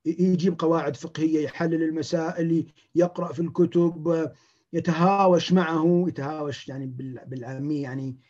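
A man, a clinician giving a lecture, talking in an animated way and acting out the words of patients. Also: a little high, fairly quick, highs cut off.

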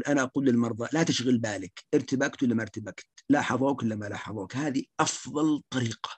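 Fast, emphatic male lecturer. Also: fairly high pitch, dry recording. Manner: rapid, emphatic, repeats key points. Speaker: psychiatrist giving a lecture on social anxiety. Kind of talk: lecture with slides.

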